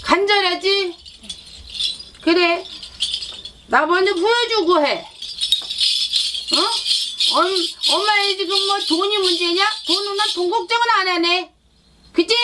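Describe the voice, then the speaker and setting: A woman's voice: extremely high pitch, exaggerated voice. A woman shaman voicing a sulky, demanding child spirit that whines, pouts and coaxes with repeated tag questions. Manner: whiny, pouting, coaxing with repeated tag questions. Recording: loud noise with rattle.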